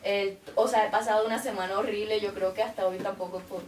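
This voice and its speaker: A church member gives her testimony in a chatty, casual manner, frequently repeating herself. She speaks quickly at a medium pitch with fairly even intonation, recorded in a roomy space from a distance with faint room noise.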